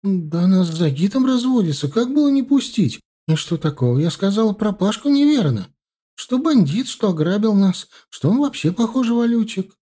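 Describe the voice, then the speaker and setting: Мужчина изображает плачущую испуганную жену. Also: male voice, big pitch swings, normal speed, dark tone. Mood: frightened shrill. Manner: shrill, sobbing protests. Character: tearful frightened wife, young woman.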